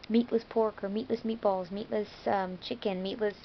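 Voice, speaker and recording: A woman's voice: medium pitch, fairly even intonation, normal speed. American woman rambling to her vlog viewers, kinda dull lo-fi sound, faint room hum. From United States. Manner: chatty and rambling, with fillers and self-corrections. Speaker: vlogger. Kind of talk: casual vlog monologue.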